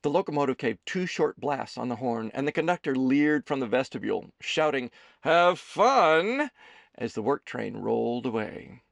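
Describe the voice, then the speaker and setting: A man narrating an audiobook in an expressive storytelling manner. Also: mid-range voice, moderate pace, vocal fry, hardly any pauses, no room sound. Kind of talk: scripted narration.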